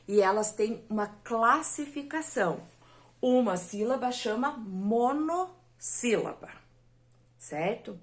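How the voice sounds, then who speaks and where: A woman's voice: a little high, lively intonation, slow. A woman teaching a recorded lesson to children, patient and stretching words out syllable by syllable.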